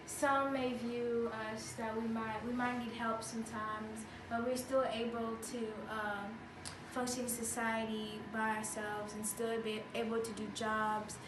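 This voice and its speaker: A young woman who grew up in Tanzania, answering interview questions in a soft-spoken, hesitant way. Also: on the high side, flat delivery, unhurried, hardly any pauses. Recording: echoey room, distant mic, noisy.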